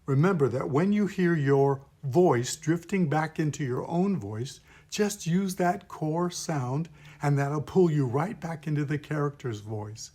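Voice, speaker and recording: A man's voice: fairly high pitch, slow pace, few pauses, dark tone. A man, a pastor, patiently teaching puppet voices step by step in an instructional video.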